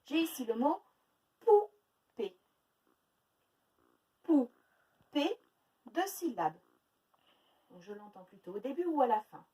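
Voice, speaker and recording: French teacher stretching out syllables slowly. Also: female voice, sits high, sing-song, dark tone, distant mic, poor audio. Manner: slow, exaggerated syllable-by-syllable pronunciation. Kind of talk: phonics lesson for young children. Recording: faint noise, voice a little off-mic.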